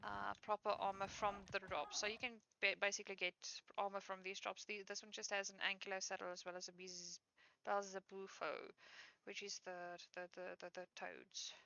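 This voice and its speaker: A woman's voice: mid-range voice, little pitch movement, normal speed, gravelly, pushed and bright, no echo. Tired woman rambling through gameplay commentary. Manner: rambling, self-correcting, many fillers. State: tired, yawning. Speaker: gaming streamer. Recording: dull lo-fi mic with faint noise.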